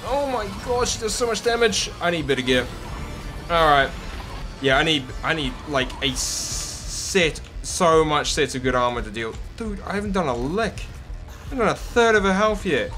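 A man giving excitable gameplay commentary as a hyped gamer bro, exclaiming in slang. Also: a little high, normal speed. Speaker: gaming video host. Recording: music behind the voice. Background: music.

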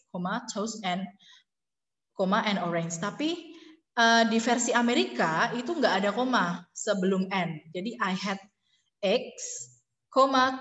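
A woman lecturer giving a classroom lecture, mixing in English phrases and pausing on fillers as she explains. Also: mid-range voice. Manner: explains in Indonesian mixed with English, many fillers. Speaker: university lecturer. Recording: echoey classroom with long reverb.

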